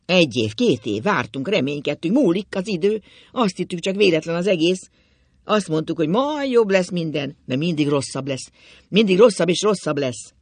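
A man voicing a bitter, agitated middle-aged father who shouts at his wife in a shrill, cracking voice. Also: expressive, few pauses, breathy edge, dry recording, exaggerated voice.

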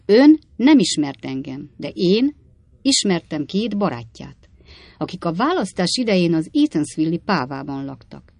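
A woman voicing a sly, one-eyed male traveling salesman who tells stories in a knowing, drawn-out way, in an audiobook reading. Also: on the low side, big pitch swings, a little mellow, dry recording.

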